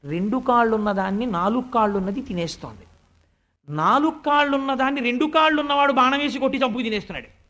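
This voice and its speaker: A man's voice: very high-pitched, quick pace, sharp tone. A man voicing a stern male sage who brusquely dismisses a king's worry, within a religious discourse. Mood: scolding. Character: stern wise male sage scolding a king.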